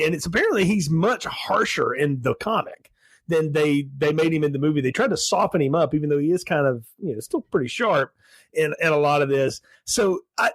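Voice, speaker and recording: A man's voice: on the high side, no echo. A man co-hosting a film podcast, rambling casually and laughing often as he reviews a movie. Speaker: podcast co-host.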